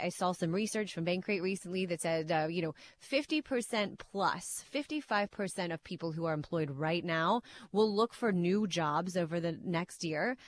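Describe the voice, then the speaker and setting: Chatty woman co-hosting a talk radio show. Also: fairly low pitch. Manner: chatty, laughs easily, quotes her son. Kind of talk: casual radio chat.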